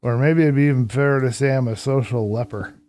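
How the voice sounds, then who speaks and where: A hoarse man talks quickly in a mid-range voice, casually answering his viewers' chat during a gaming live stream with a relaxed, reflective tone.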